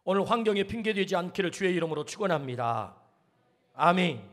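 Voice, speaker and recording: A man's voice: high voice, lively intonation, fairly quick, a bit bright. A male pastor preaching a sermon, emphatic, firing rhetorical questions and calling for amens.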